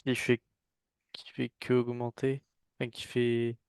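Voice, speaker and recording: A man's voice: mid-range voice, monotone, unhurried, darkish tone, clear, resonant tone. A male student answering math questions hesitantly, unsure of himself.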